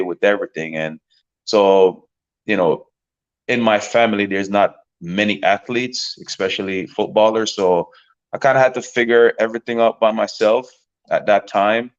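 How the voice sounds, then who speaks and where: A man in his thirties from Jamaica talks through his story in a relaxed, rambling way, looping back on his words. His voice sits very low. The recording sounds a little dull and lo-fi. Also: clear, resonant tone. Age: 30s. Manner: relaxed, rambling with many fillers and repeated words. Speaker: professional soccer player, guest. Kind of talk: casual interview talk.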